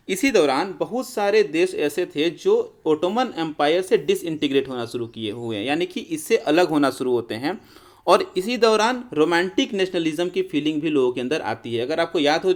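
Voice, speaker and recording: Male teacher, fairly high voice, explanatory lecture, emphatic. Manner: explanatory, addresses students as friends, emphatic. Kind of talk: classroom lecture.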